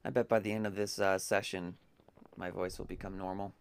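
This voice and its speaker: A man with a groggy morning voice giving casual, relaxed commentary while playing a video game, now and then cursing at the game. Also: low-pitched, a little fast, clean tone. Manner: relaxed, mumbling, with bursts of swearing.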